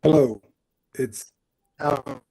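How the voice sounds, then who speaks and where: A man's voice: mid-range voice, slow, creaky, mellow, husky. A man, a planner speaking for residents over a video call, his connection choppy so word endings cut out. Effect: choppy online connection with cut-off word endings. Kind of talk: remote testimony at a public hearing.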